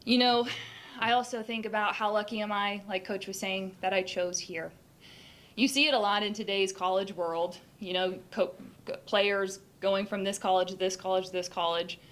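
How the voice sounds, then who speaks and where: A young woman gives a hall of fame acceptance speech in a medium-pitched voice. Her delivery has the polish of a trained presenter, and her voice leaps upward whenever she gets excited. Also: normal speed. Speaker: hall of fame inductee, former player.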